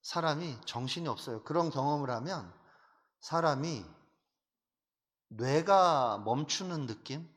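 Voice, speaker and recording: A man's voice: on the high side, a little slow, long pauses. Emphatic preaching man in a reverberant hall. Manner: animated, emphatic preaching with rhetorical questions. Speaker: pastor. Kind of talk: sermon.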